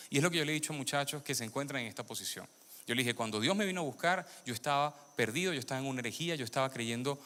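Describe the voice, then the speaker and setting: A man born in Venezuela, with a medium-pitched, sharp voice, delivers a sermon testimony to a congregation. He questions the audience and repeats phrases for emphasis, and long hall reverb fills the recording.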